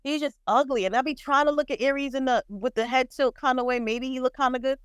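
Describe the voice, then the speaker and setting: A woman co-hosting a podcast, chatting bluntly and profanely about celebrity gossip with lively storytelling. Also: high voice, quick pace, smooth, dry recording. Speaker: podcast co-host. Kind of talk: casual pop-culture chat.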